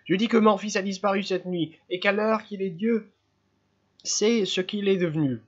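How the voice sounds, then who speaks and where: A man reading a story aloud, voicing a frantic middle-aged mother in a shrill, rushed, pleading voice. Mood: insistent. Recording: slightly dull lo-fi sound.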